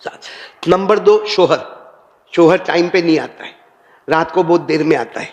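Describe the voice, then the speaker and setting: A man's voice: fairly high pitch, darkish tone, in a large hall, highs cut off. An older man preaching a sermon, telling stories and speaking straight to a seated audience. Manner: storytelling preacher, addresses crowd directly.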